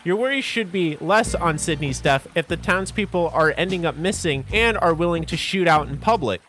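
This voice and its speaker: With a fairly high, fairly bright voice, a man narrates a scripted, casual recap of a visual novel, adding wry jokes along the way. Music sits beneath his narration.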